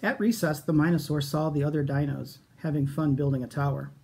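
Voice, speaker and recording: A man's voice: on the high side, steady tone, a little fast, vocal fry, a little mellow, a little hiss or hum. A middle-aged American man reading a picture book expressively to children at a storytime. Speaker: school storytime reader. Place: small room at home, indoors.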